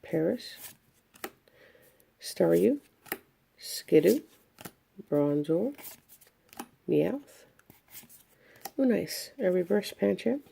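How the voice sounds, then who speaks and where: A woman talks slowly through a trading card pack opening, naming each card in turn. Her voice is low and gravelly, with a warm, dark tone. A faint hiss sits under the recording. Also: very animated. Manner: unhurried, listing cards one by one. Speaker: card collector opening packs. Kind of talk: casual pack-opening commentary.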